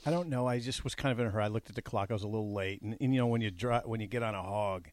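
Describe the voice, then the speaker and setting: A man's voice: on the low side, racing. A man who is a sports reporter and a guest on a radio show, talking in an easygoing way with a little stammering. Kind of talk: casual radio talk.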